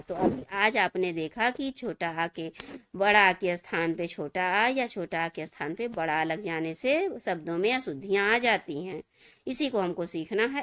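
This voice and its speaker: A woman's voice: medium pitch, a bit bright. Woman teacher correcting spellings aloud. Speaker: Hindi grammar teacher. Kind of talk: classroom-style video lesson.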